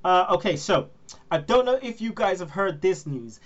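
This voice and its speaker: Male host, a bit high, storytelling with laughs, muffled recording. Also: animated, normal speed. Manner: storytelling, laughs often, acts out quotes. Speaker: podcast host. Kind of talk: casual wrestling chat.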